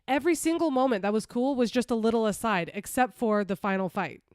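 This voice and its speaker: A woman co-hosting a casual movie podcast, opinionated and quick to talk over her partner. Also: on the high side, darkish tone, clear, resonant tone, dry recording, clean studio sound. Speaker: podcast co-host.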